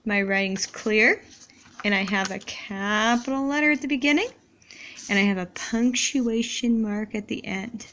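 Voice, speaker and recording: A woman teacher slowly modeling how to write sentences for young students, in a deliberate, encouraging classroom manner. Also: mid-range voice, a bit bright, lo-fi sound.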